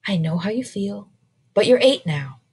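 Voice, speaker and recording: A woman's voice: mid-range voice, expressive, normal speed, a little mellow, breathy edge. A woman voicing a firm but caring mother in a read-aloud storybook, close to her own voice. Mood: gentle. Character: mother of farm-worker family, firm, caring.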